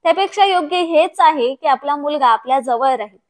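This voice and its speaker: A woman voicing an older mother who speaks calmly and firmly. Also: high voice, a little fast. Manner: soothing then firm. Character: older mother, calm, firm and dignified.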